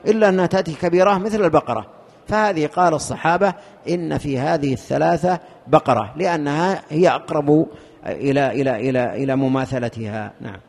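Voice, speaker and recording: A man explaining a legal text in a lesson, with a halting manner, repeating words as he searches for terms. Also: fairly high pitch, creaky. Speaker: teacher explaining a fiqh text. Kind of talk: lesson commentary. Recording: long reverb of a hall.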